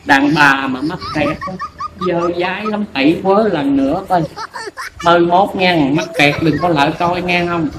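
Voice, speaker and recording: A man playing a crude, bossy old fortune teller, scolding and teasing. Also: sits high. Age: older. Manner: scolding, teasing, rapid and bawdy. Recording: echoey room with noise.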